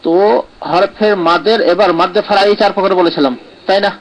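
Male teacher, slightly higher voice, patient step-by-step explainer, keeps asking "right?". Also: fairly even intonation, a little fast, rough recording. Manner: explanatory, checks in with "right?" often. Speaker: Quran recitation teacher. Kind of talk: live online lesson answering comments.

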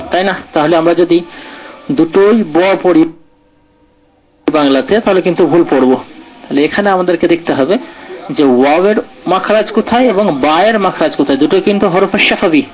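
A man teaching Arabic letter pronunciation in a classroom lesson, sounding out each letter slowly and often checking in with "right?". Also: high voice, poor audio. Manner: explains patiently, checks understanding with repeated "right?". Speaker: Quran recitation teacher.

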